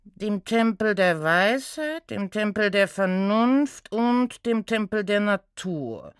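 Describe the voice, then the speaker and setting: A woman voicing a big, stern male centaur inspector who talks in a low, curt, gruff way. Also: animated, takes it slowly, no echo, clean studio sound. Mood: gruff impatient.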